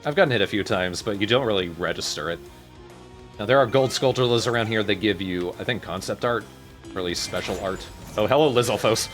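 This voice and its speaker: Male gamer host, lower register, dry offhand casual commentary, music underneath. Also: brisk, a bit bright. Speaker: let's player streaming a game. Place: voice over gameplay with game music behind.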